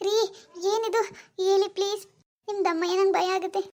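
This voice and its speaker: A woman's voice: extremely high pitch, steady tone, brisk, darkish tone. A woman voicing an anxious, grieving young village mother who pleads and fires off frantic questions.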